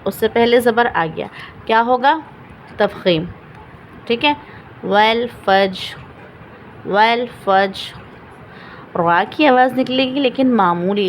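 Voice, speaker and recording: A woman teaching Quran recitation rules step by step, patiently repeating each example slowly and asking questions she then answers. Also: a little high, slight background noise, low-quality recording. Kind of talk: step-by-step Quran reading lesson.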